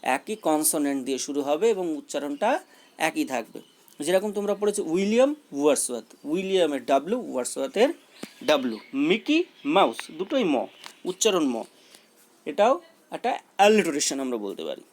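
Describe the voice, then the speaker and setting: A man's voice: on the high side, sing-song, normal speed. A man teaching a school English poem, repeating key words and mixing English terms into his explanation.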